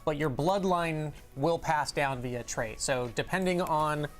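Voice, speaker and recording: A relaxed man answers viewer questions and explains game mechanics in easy, casual chat. Faint music sits low behind his voice. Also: a little slow. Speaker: game developer co-host.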